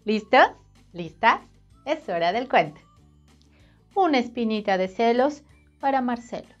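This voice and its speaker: A woman reading a storybook to children in an animated, sing-song way, speaking straight to the child. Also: on the high side, unhurried, highs cut off, faint music behind.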